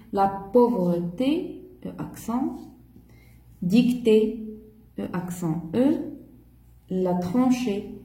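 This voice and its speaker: Woman, teacher, very slow and careful, dark mellow voice, echoey room. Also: mid-range voice. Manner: slow, spells out each step. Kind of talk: primary school homework correction.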